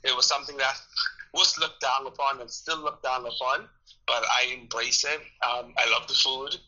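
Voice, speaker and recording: With the highs cut off, the recording captures a Bahamian-accented man at a normal pace, his medium pitch fairly even and his tone sharp. He's being interviewed about his work at the tourism ministry and answers casually and expressively, frequently repeating phrases for emphasis.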